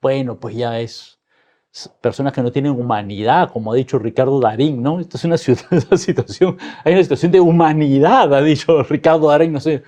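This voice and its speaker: Mellow-voiced man, emphatic guest. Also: medium pitch, fairly quick. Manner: emphatic, ends points with tag questions. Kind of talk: political discussion.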